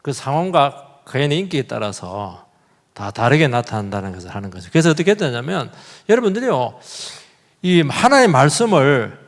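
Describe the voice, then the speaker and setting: Male pastor, middle-aged, sermon delivery, lively up-and-down pitch, gravelly edge, church hall echo. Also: normal speed. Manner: conversational preaching with acted-out quotes and rhetorical questions. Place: church sanctuary. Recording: long reverb of a church hall.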